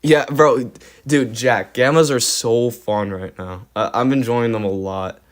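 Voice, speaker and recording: A man's voice: mid-range voice, fairly even intonation, unhurried. A man livestreaming a video game with casual, slangy frat-bro commentary. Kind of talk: casual live gaming commentary.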